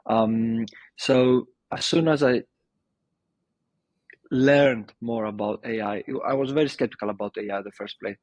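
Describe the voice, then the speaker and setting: A man's voice: mid-range voice, steady tone, a little slow, a little mellow, dry recording. Young guy talking shop, lots of ums, kinda dull dry recording. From Greece. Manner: thoughtful, with many ums and restarts. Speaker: guest, video marketing agency founder. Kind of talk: casual interview answers.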